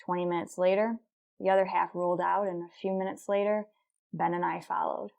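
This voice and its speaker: Speaking fairly quickly with a lowish voice and vocal fry, a woman plays a determined, businesslike detective sergeant. She narrates and leads a radio crime drama, her matter-of-fact delivery clipped, terse, deadpan, and procedural.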